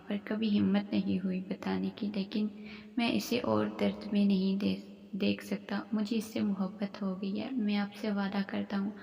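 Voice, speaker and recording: A woman's voice: medium pitch, creaky, a little mellow, natural voice. A woman voicing an angry, possessive young husband in a narrated story, with a stern, commanding manner. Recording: long reverberant echo.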